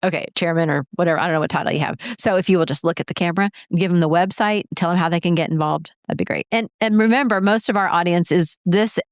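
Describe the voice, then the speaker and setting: A woman's voice: lowish voice, fast talker, few pauses, no echo. A woman hosting a casual studio interview, chatty and playful. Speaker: host.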